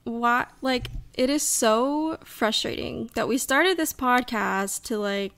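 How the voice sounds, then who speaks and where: Slow, smooth-voiced woman podcaster. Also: a little high, a bit bright. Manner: chatty, exasperated venting with laughter. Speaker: podcast co-host. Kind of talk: casual chat. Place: couch at home. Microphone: home podcast mic.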